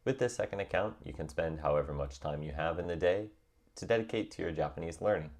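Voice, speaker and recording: A young man calmly and encouragingly narrating a scripted tutorial on learning a language. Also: deep voice, fast. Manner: calm, encouraging and reassuring.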